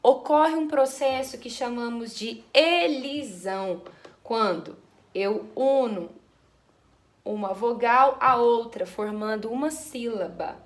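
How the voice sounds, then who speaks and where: A woman teaching a class, speaking very slowly and patiently, with a fairly high voice. She explains each point step by step with an affectionate, encouraging tone. The recording has a noticeable echo from the room. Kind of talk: online school lesson. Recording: echoey room.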